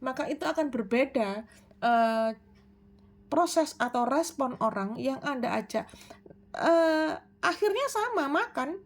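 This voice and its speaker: A woman with a high-pitched voice talks viewers through self-improvement advice. She is measured and explanatory, asking questions aloud and answering them herself, with frequent hesitation fillers. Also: animated. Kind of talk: explanatory self-help talk.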